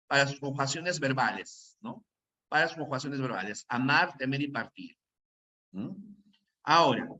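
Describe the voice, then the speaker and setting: Slow, bright-voiced teacher. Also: male voice, a little high, slight background noise. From Peru. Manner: repetitive, checks in with listeners often. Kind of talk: classroom grammar lesson.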